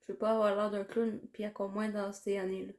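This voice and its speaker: A woman's voice: medium pitch, flat delivery, fast talker, darkish tone. A woman with a Quebec French accent chatting casually through a makeup tutorial, rambling and hesitant with many fillers. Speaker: makeup vlogger.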